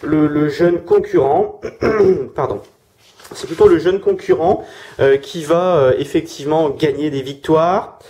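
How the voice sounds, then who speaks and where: Speaking through a sore throat, a man gives his casual weekly tarot reading in a fairly high, warm voice at an unhurried pace. His delivery is hesitant, full of fillers and false starts.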